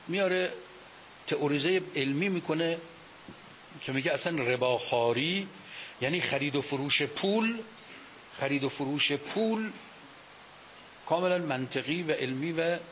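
A man's voice: a little high, low-quality recording. Argumentative man giving a religious lecture. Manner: animated, argumentative, asks rhetorical questions. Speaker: cleric lecturer. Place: speaking to an audience with a microphone. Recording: faint hiss.

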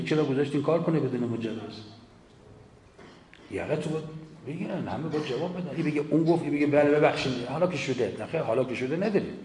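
A man delivering a sermon, forceful and full of rhetorical questions. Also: medium pitch. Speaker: cleric. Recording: echoey hall with faint ambience.

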